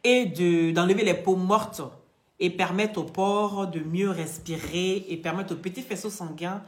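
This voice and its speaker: Speaking unhurriedly in a lowish, steady voice, a woman lectures emphatically and addresses viewers directly while chatting live on social media and pitching products. She works as an online vlogger and beauty product seller, and her first language is not French. An echo fills the room.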